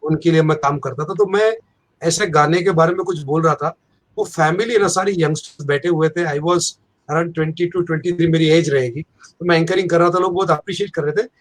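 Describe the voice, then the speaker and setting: A man's voice: on the high side, normal speed. A middle-aged man, an event anchor telling stories with self-deprecating humor in casual chat.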